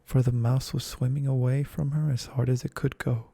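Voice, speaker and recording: A man reading a storybook aloud in a calm, gentle ASMR style, close to the microphone. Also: medium pitch, moderate pace, creaky, breathy edge, no echo. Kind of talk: soft-spoken ASMR reading.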